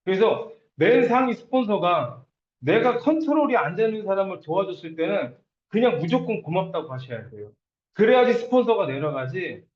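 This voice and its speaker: A man's voice: sits high, very animated, moderate pace. A man giving a lecture on network marketing, acting out quoted partners and sponsors as he speaks. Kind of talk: lecture to an audience. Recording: dull, echoey room.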